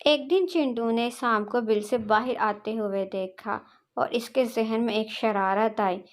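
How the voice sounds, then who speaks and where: High-voiced woman narrating a kids' cartoon. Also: a little slow. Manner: plain storytelling. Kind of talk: children's story narration.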